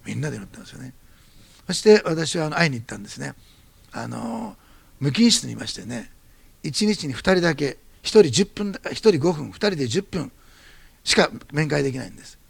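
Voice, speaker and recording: A man preaching as a pastor, telling a testimony in quick, animated bursts. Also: medium pitch, vocal fry, breathy edge, no room sound. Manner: fast-talking, animated storytelling. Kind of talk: sermon testimony.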